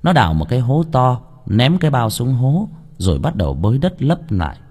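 Husky male horror story narrator. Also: medium pitch, brisk. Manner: expressive, dramatic. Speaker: audiobook narrator. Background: faint background music.

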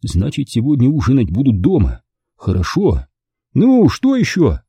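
A man's voice: fairly high pitch, wildly swooping pitch, moderate pace, warm tone, breathy edge, dry recording, voice pushed up, heavily acted. A man voicing a fussy, irritable male partner in a storybook reading, snappish and testy.

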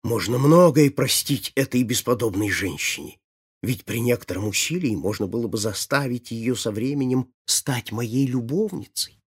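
A husky-voiced man voicing a vain, quick-tempered prince who speaks haughtily and flares up in anger, in a storybook reading. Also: medium pitch, expressive. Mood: brooding. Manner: haughty, prone to angry outbursts.

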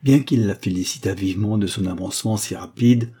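A man narrating a classic story in a calm, measured reading. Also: fairly low pitch, husky. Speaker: audiobook reader.

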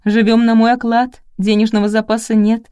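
A woman's voice: fairly high pitch, level tone, normal speed, dark tone, smooth, no echo, pitched above the performer's own voice, natural voice. A woman reading the part of a timid young female assistant in an audiobook, speaking in a trembling, tearful voice.

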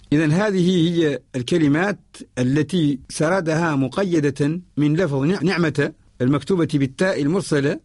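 A man with a Mauritanian accent teaching a poem on Quran spelling in a radio lesson. He explains in a measured, methodical way and repeats set phrases. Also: a little high, gravelly, a little mellow, slightly rough, no echo, clean studio sound. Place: radio studio.

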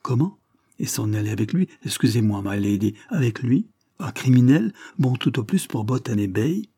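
A man's voice: mid-range voice, expressive, moderate pace, dark tone, husky, dry recording, clean studio sound. A man reading aloud, voicing a scheming, honey-voiced female lady's maid in a wheedling, melodramatic way.

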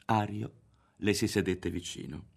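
Low-voiced man reading a novel. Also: steady tone, vocal fry, breathy edge. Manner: measured, dramatic reading. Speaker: audiobook reader. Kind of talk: scripted narration of a novel.

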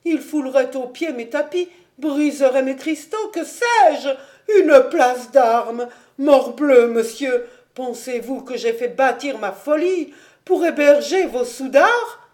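A woman reading an audiobook, voicing an excitable male royal financier who talks in a high, indignant, breathless rush. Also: slow.

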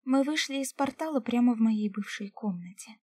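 A woman's voice: on the high side, lively intonation, moderate pace, darkish tone, no room sound. A woman narrating a first-person audiobook in an emotional way, at times dropping to a whisper.

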